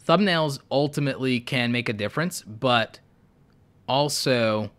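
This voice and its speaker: This YouTube host, sick and with his voice giving out, takes live questions and reviews channels. His mid-range, fairly bright voice moves a little slowly, and he hands out frank advice while musing aloud with lots of ums.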